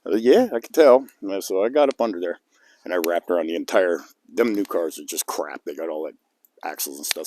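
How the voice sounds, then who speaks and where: Outdoors on a still, chilly day, this older man rambles through a folksy story for his camera, laughing softly as he goes. His voice is low, and there's slight background noise.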